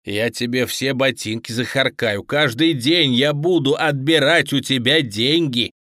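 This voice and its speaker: A man's voice: mid-range voice, a little slow, sharp tone, no echo, clean studio sound. A man voicing a menacing tough guy. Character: tough man threatening a captive.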